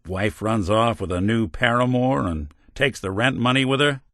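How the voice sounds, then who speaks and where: A man's voice: medium pitch, normal speed, fairly bright tone, no room sound, natural voice. Nick Valentine, a man voicing a wry synth detective. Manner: dry, world-weary noir drawl, gruff when angry. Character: weary male synth detective, wry and loyal. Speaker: companion character. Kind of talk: game voice lines. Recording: dry studio recording.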